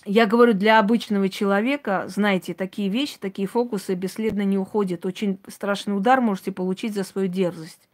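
Speaking at a medium pitch with a steady tone and a slightly fast pace, this woman host, who calls herself a witch, responds to listener comments during an informal live talk. She comes across as blunt, opinionated and conversational.

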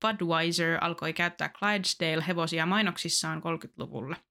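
A woman with a Finnish accent co-hosting a casual podcast, quick to laugh and agree. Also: low voice, steady tone, pushed and bright. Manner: laughs often, affirming interjections. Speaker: podcast co-host. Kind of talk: casual podcast chat and read-aloud recap.

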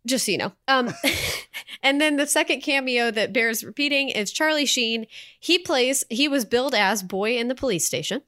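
A woman's voice: fairly high pitch, normal speed. Chatty woman co-hosting a film podcast. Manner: chatty and animated, with frequent fillers. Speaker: podcast co-host. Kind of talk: casual film review chat.

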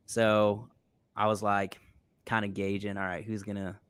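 A man with a lowish voice hosts a relaxed interview chat, telling stories and laughing easily. The sound is close and dry, with no room around it. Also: a little slow, clear, resonant tone, no room sound. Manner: relaxed, storytelling, laughs often. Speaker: podcast host.

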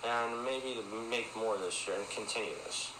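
A man's voice: mid-range voice, normal speed. A young man hosting a casual family podcast, rambling and upbeat. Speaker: podcast host. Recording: echoey room with faint noise.

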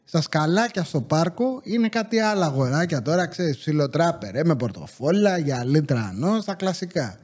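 High-voiced man telling stories. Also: few pauses. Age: 30s. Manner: animated storytelling with acted-out quotes. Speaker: podcast host. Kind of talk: casual chat.

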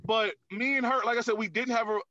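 A man's voice: very high voice, fairly even intonation, fast, very noisy. A man, a comedian guest on a podcast, talking candidly in casual chat with lots of filler words. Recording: dull, lo-fi, dry sound.

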